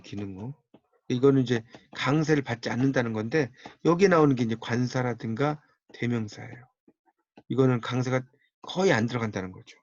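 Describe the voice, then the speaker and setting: A man's voice: medium pitch, a little mellow, no room sound, dull audio. A middle-aged man teaching English pronunciation in a lecture, repeating key terms and saying example words aloud. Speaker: English teacher and book author.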